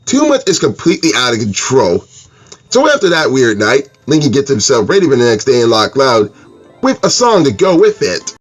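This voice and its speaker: A man's voice: mid-range voice, wildly swooping pitch, moderate pace. A man giving casual, sarcastic and profane commentary as a movie reviewer.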